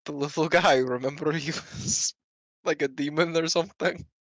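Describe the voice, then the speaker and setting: A man's voice: fairly high pitch, steady tone, moderate pace, a bit bright, no echo. A man chatting casually as a player in a tabletop game. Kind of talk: casual chat.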